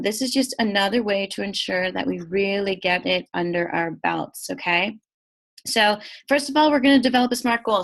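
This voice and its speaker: A woman's voice: medium pitch, creaky, a bit bright. A woman in her thirties coaches a group over a computer microphone. Her voice is nasal and stuffed up from a cold. She talks in a chatty, upbeat way, filling gaps with ums and uhs. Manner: chatty, upbeat, many fillers. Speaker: nutrition coach. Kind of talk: online training session.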